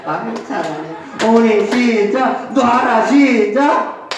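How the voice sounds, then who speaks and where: A man's voice: sits high, expressive, measured pace, noisy background. A man leading a group game for seniors, coaxing and teasing them as he counts off each cue. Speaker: senior recreation instructor. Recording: very echoey hall, distant mic.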